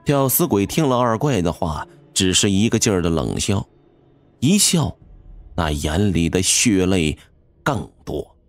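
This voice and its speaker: A man narrating a first-person horror audiobook with an expressive, dramatic storytelling manner. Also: sits low, unhurried, dry recording. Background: faint music.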